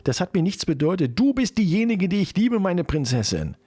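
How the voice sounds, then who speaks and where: A man's voice: sing-song, warm tone, no echo. A man voicing a panicky young boyfriend who stammers and pleads in a raised voice. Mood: pleading. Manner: high-pitched, fast, stammering pleading.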